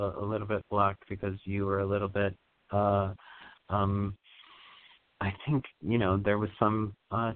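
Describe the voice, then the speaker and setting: A man hosting a radio psychic reading, guiding a caller through breathing in a soothing, halting way with many fillers. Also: fairly low pitch, smooth, no room sound. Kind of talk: spiritual energy reading on air. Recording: phone-like narrow sound.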